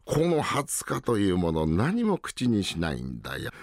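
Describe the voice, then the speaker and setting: A man's voice: low-pitched, wildly swooping pitch, dry recording, studio quality, pitched below the performer's own voice, exaggerated voice. A man playing an anxious old merchant father. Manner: coaxing, slow and anxious. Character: worried older merchant father, pleading. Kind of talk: rakugo storytelling.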